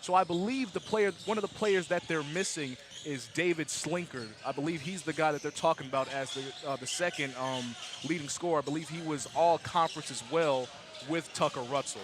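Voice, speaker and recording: Young male basketball announcer, slightly high, gym ball bounces behind. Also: fairly quick, noisy background. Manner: casual, repeats "absolutely", filler-heavy. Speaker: play-by-play announcer. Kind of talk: sports commentary.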